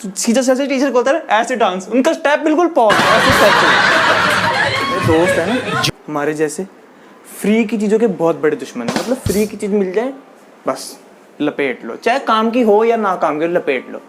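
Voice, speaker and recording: A man's voice: high voice, animated, moderate pace, heavy background noise. A young man doing casual stand-up storytelling as a comedian, chatty and laughing through his own lines. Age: young adult.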